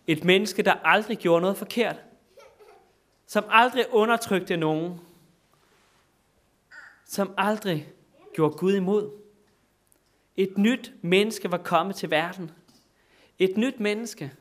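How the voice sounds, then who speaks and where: A man preaching a sermon in a church, repeating phrases and rising to loud exclamations between looser, filler-laden stretches. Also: high-pitched.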